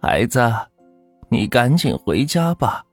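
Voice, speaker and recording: A man voicing a kindly old village grandmother in a ghost story, speaking slowly and soothingly. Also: medium pitch, very animated, husky, no echo, faint music behind, heavily acted. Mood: gentle. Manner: slow, soothing.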